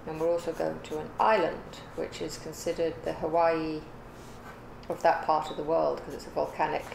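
An older woman, the host's mother, is a guest on a craft livestream, chatting casually at home in a living room or craft room. Her voice sits low, level and a little mellow at a moderate pace as she rambles thoughtfully and corrects herself, and the echoey room carries clear background noise.

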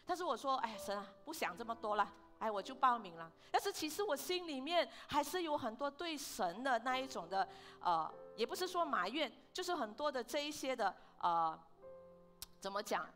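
Bright, high-voiced woman pastor preaching. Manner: lively, fires questions at the congregation, mixes in English words. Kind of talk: sermon. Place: church service hall.

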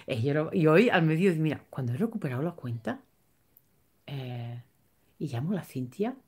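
A woman's voice: low-pitched, animated, a little fast, a little mellow, husky. A woman chatting emotionally on a livestream, theatrical and exaggerated, reading comments from viewers. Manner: theatrical, tearful, laughing and exaggerated. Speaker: vlogger reading live chat. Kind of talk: emotional casual livestream chat.

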